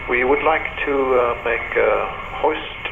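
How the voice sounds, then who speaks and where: A man's voice comes over a noisy marine radio, gravelly and hesitant. He talks as a rescue helicopter operator in short procedural phrases, with plenty of uhs between them. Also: a little slow, phone-quality sound. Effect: heard over a marine radio. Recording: noisy radio link with vehicle rumble.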